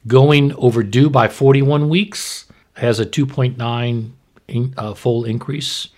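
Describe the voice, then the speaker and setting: A podcast host and medical expert explains health matters conversationally in a mid-range, slightly mellow voice, steady and slow. Plain-spoken and explanatory, he poses questions and answers them himself.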